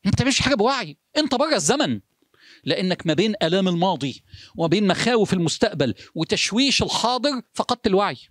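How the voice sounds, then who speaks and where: His voice sits high and his energy runs very animated as this religious speaker, Egyptian Arabic in accent, gives a motivational sermon. Quick-fire rhetorical questions alternate with urgent bursts and quiet, slowed lines, recorded in a clean studio with no echo.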